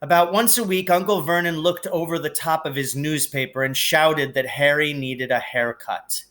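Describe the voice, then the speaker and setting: A man narrating a children's novel aloud in an expressive, deliberate way with emphatic phrasing. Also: a little high. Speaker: teacher reading aloud.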